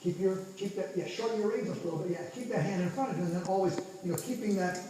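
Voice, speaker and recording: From a distant camera at the edge of a large indoor arena, a man is heard coaching a horse riding lesson, calling out short encouraging instructions and counts. His voice is high-pitched, fast and mellow. The hall echoes, with faint noise, and he sounds far off.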